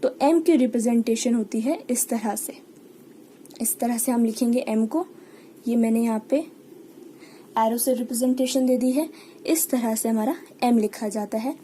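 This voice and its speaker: A woman's voice: a little high, moderate pace, mellow, a little hiss or hum. A woman with an Indian accent teaching a shorthand lesson step by step, patiently repeating key words and example sounds. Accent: Indian English. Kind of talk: online lesson explaining step by step.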